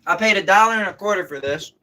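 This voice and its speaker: A man's voice: high-pitched, fast talker, sharp tone. A man hosting a livestream, chatting casually and rambling through viewer comments while he eats. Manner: rambling, laid-back, chuckles and trails off. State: eating while talking. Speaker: livestream host.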